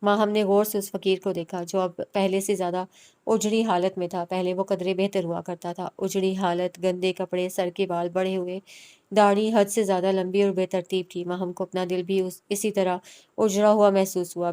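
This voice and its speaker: A woman reads a romance novel aloud as an audiobook narrator. Her voice is smooth and clear, at a middle pitch, and she tells the story at a steady, plain pace.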